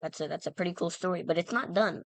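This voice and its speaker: A woman's voice: fairly low pitch, fast, creaky, no room sound. A woman casually telling a funny anecdote, rambling and self-interrupting with lots of fillers and playful self-mockery. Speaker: storyteller.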